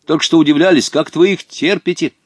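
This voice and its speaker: A man's voice: a little high, steady tone, brisk, husky, no echo, clean studio sound, voice pushed up. A man voicing an impulsive, sheepish schoolboy who speaks in an eager way.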